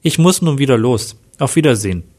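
A man's voice: mid-range voice, lively intonation, fairly quick, darkish tone, natural voice. A man reading the lines of a weary former detective on the run in a plain read-aloud manner. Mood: subdued.

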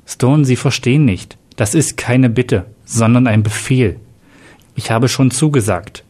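A man's voice: medium pitch, measured pace, darkish tone, lightly acted. A man voicing a stern middle-aged male police chief in a read-aloud crime story, giving clipped, commanding orders.

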